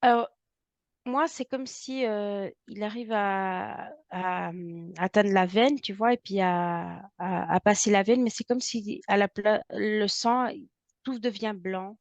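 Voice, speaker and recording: A woman with a French accent, describing impressions in a halting way, often pausing to search for words. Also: mid-range voice, dry recording. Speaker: intuitive medium. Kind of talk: hesitant channeled description.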